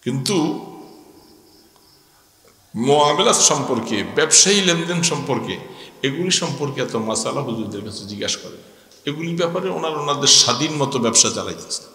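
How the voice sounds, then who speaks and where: A man's voice: medium pitch, lively intonation, moderate pace, long pauses, sharp tone. A man with a Bangladeshi accent preaching a stern, admonishing Islamic sermon, putting rhetorical questions to his listeners. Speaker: Islamic preacher at a religious gathering. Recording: echoing PA sound with long reverb.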